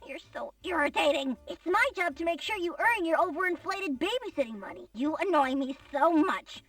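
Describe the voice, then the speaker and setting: A woman's voice: high voice, animated, moderate pace, fairly bright tone, dry recording. A woman voicing a bossy, nasty teenage babysitter in a cartoon game, who talks in a snappish, sneering way. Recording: game audio, mic-distant, elevator music behind.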